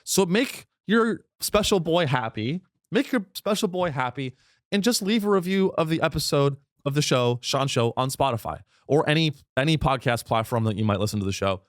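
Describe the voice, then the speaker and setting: Here a podcast host is losing his voice mid-monologue, an animated, rambling, irreverent comic bit at a moderate pace, peppered with swearing and abrupt high-pitched jumps. The studio-quality audio has no echo.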